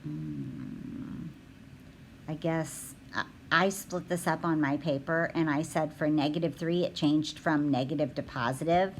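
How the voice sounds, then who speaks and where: A woman teaching a recorded math lesson, talking her students through the steps out loud with frequent ums. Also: low-pitched, lively intonation, unhurried, slight background noise, low-quality recording. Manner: thinking aloud with frequent ums.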